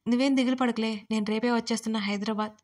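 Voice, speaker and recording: A woman's voice: a little high, steady tone, very fast, a little mellow, close to an everyday voice. A woman voicing a worried young newlywed who turns snappy and sarcastic with her friends. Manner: anxious, then snappy and sarcastic.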